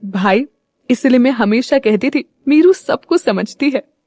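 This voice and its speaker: A sensitive young woman from a romance audio story who sulks and softens, as a woman narrator plays her. Her voice is a touch high and recorded dry and close. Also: animated, measured pace, no echo, soft background music. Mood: affectionate. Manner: emotional, pouting. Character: young woman, emotional sulky bride-to-be.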